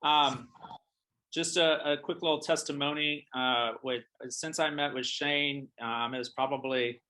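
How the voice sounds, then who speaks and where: Bright-voiced man, stumbling host. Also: on the high side, fairly even intonation, measured pace. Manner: hesitant, stumbling with repeated words and fillers. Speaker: realtor, interview host. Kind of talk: casual interview chat.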